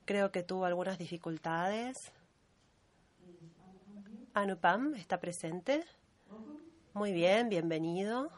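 Low-voiced woman interpreting a meeting. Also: slow, long pauses. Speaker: conference interpreter.

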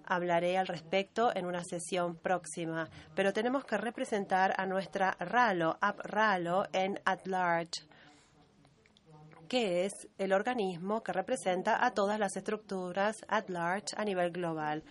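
A woman giving a steady, measured simultaneous interpretation of a meeting chair's remarks and roll call. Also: medium pitch. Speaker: conference interpreter.

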